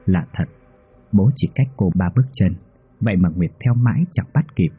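Dark husky male storyteller. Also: low voice. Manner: measured, even storytelling. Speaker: narrator. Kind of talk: scripted narration of a ghost story. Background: faint music.

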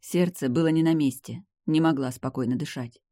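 A reader narrating a first-person fantasy novel in an even storytelling manner. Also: medium pitch, a little fast, dry recording, clean studio sound.

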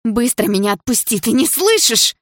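A woman's voice: fairly high pitch, sing-song, normal speed, dry recording, studio quality, pitched above the performer's own voice. A woman playing a furious, jealous young woman. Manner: shouting, hurt and furious.

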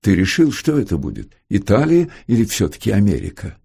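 A man's voice: on the low side, very animated, a little fast, vocal fry, husky, full character voice. A man voicing a young woman who cares for her sick brother and keeps a cheerful tone. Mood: brave cheer. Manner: gently cheerful. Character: young woman, devoted sister holding back tears.

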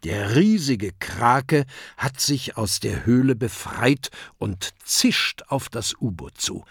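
A man narrating a children's adventure audiobook in a lively storytelling manner. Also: medium pitch, slow, slightly rough, dry recording, clean studio sound. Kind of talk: scripted narration.

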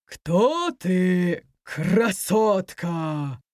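A woman voicing a big gruff male dragon guarding a tree in a storybook reading, with a low, rumbling, drawn-out voice. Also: big pitch swings, darkish tone, dry recording, clean studio sound, heavily acted.

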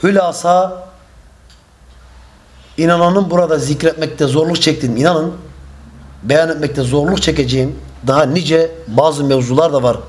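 Man, preacher, emphatic religious lesson, measured, slightly high voice. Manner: quick chanted Arabic opening.

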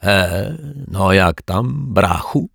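A man doing a raspy slangy crook. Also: deep voice, animated, very slow, fairly bright tone, dry recording, studio quality, heavily acted. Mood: jovial. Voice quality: raspy chuckle. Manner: slangy, overly friendly. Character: coarse cheerful male small-time crook.

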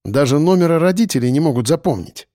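A man doing a gruff teasing grown man. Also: on the high side, expressive, fast talker, warm tone, no room sound, clean studio sound, close to an everyday voice. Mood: dry. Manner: gruff, mocking, bossy.

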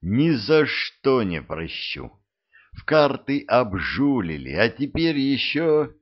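A man voicing a brash young male thief and knight in an audiobook, brisk and commanding. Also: medium pitch, sing-song, pitched above the performer's own voice. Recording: dull lo-fi recording.

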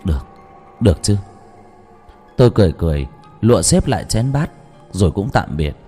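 Man, ghost-story narrator, husky voice, lively dramatic pitch, reverberant audio with soft music. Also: quick pace. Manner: dramatic, rising into anguished shouts.

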